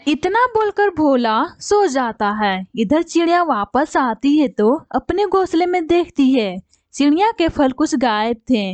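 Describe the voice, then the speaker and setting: A woman's voice: high-pitched, sing-song, unhurried, a little mellow, no room sound. A woman narrating a cartoon story in a plain storytelling manner.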